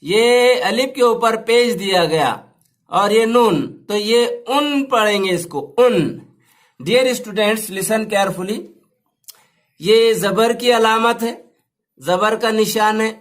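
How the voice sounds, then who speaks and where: A man teaches a language lesson at a slow, careful pace. He stretches out each sound and repeats every word so his students can follow. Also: high voice.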